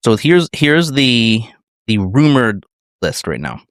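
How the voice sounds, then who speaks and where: A man's voice: medium pitch, very animated, takes it slowly, no room sound, studio quality. A man co-hosting a podcast in casual chat, rambling and hesitant with many fillers. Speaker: podcast co-host.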